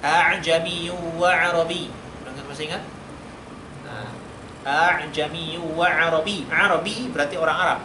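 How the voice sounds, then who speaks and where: A man's voice: a little high, fairly even intonation, measured pace. A man teaching Arabic in a mosque, quizzing his students in a call-and-response lesson. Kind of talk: classroom lesson. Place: mosque study room. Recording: roomy hall, noisy room recording.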